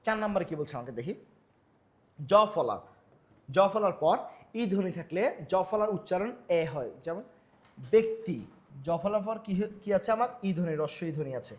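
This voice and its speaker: A young man teaches at a rapid clip, his voice sitting high. He keeps asking himself questions and restating each rule as he walks through exam-prep slides. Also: expressive, darkish tone. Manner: repetitive, quizzing himself with rhetorical questions. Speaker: Bengali grammar teacher.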